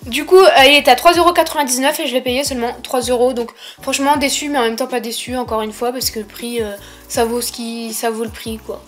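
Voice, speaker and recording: High-voiced young woman with a lisp. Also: fairly even intonation, fast, soft background music. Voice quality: lisp on s sounds. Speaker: vlogger presenting a shopping haul. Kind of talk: casual chatty haul presentation.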